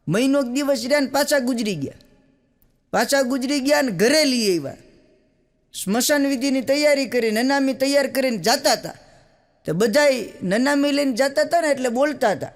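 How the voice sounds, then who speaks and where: High-voiced comedian. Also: male voice. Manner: chatty storyteller, acts out characters, crowd laughing along. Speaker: stand-up comedian telling jokes. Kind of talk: live Gujarati folk comedy routine. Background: audience laughter.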